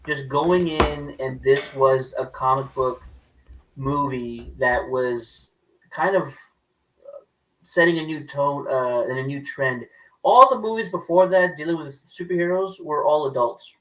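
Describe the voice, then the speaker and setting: A man co-hosts a casual film chat in a measured, thoughtful tone. His voice sounds a little distant from the microphone. He speaks at a middling pitch. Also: a bit bright. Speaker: co-host.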